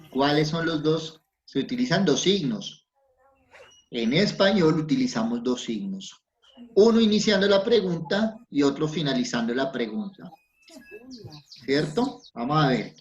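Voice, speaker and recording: A man teaching an online class to young children, patient and encouraging, asking lots of questions. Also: medium pitch. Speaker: primary school teacher. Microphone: video call. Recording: dull lo-fi sound, faint noise.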